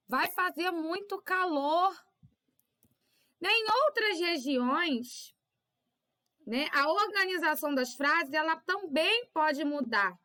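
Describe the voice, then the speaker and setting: A woman's voice: high voice, sharp tone. A woman teacher, giving a recorded lesson to children and patiently checking in with little tag questions. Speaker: primary school teacher.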